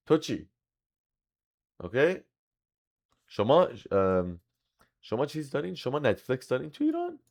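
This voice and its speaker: Man, English teacher, live online class, lively pitch, jokey, drills English phrases slowly. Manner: animated, mixes Persian and slow, clearly drilled English phrases; chatty and joking, talks to the chat.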